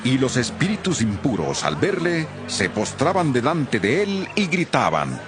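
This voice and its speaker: A man narrating a Bible reading in a solemn, expressive scripted style. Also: medium pitch, measured pace, a crowd in the background.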